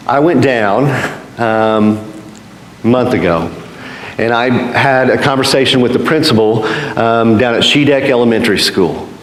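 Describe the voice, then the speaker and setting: Earnest Oklahoma pastor in an echoey hall. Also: male voice, mid-range voice. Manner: earnest, conversational preaching with asides. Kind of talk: sermon. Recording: echoey room, distant mic, faint noise.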